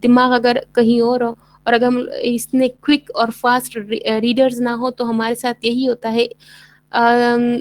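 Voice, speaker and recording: A woman with a Pakistani accent giving a bilingual English lecture, explaining in Urdu-Hindi and reading English lines slowly and deliberately. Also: fairly high pitch, darkish tone, dry recording, rough recording. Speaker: English teacher.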